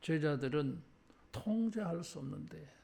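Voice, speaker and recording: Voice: mid-range voice, animated, a little slow, creaky, mellow. A pastor preaching a sermon in a conversational way, often tagging phrases with a filler word and asking the congregation to repeat after them. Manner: shifts between formal and casual speech. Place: church service.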